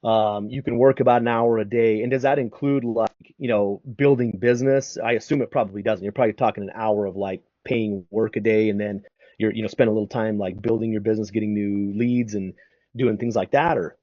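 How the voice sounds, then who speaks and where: A man's voice: fairly low pitch, steady tone, a little fast, dry recording, muffled recording. A man hosting a podcast, asking long, rambling questions packed with fillers in casual chat. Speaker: podcast host.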